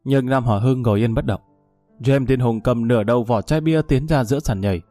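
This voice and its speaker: Mellow male storyteller. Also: medium pitch, fairly quick, dry recording, faint music behind. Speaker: narrator. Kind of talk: scripted story narration.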